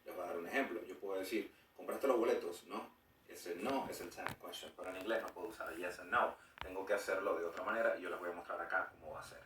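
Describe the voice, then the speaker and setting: Male teacher, lowish bright voice, explanatory delivery, demonstrates intonation; roomy, a bit off-mic. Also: fairly even intonation, fast talker, hardly any pauses, recorded from a distance, a little hiss or hum. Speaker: English teacher. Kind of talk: explaining a grammar lesson.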